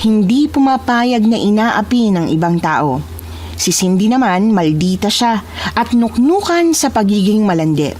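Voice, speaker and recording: A woman narrating a true horror story in a measured, solemn storyteller's style. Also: mid-range voice, lively intonation, darkish tone, a little hiss or hum.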